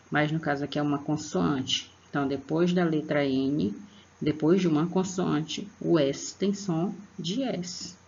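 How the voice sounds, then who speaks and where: Gravelly Brazilian teacher giving an online lesson. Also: mid-range voice, a little mellow, a little hiss or hum. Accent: Brazilian Portuguese. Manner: patient, checks in with "tá?" after each point; spells out example words slowly. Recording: dull lo-fi recording.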